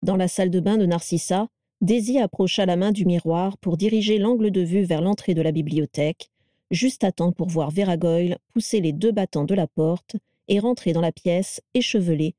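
A woman reading a fantasy story aloud in steady, measured audiobook narration. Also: lowish voice, no echo, clean studio sound.

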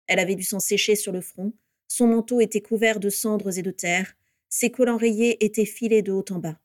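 A woman reading a story aloud with steady, measured narration. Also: medium pitch, no room sound, studio quality.

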